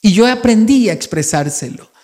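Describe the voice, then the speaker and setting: A man's voice: high voice, animated, moderate pace. Middle-aged man telling heartfelt stories. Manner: warm storytelling, emphatic repetitions, chuckles. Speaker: conference speaker. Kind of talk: heartfelt conference talk.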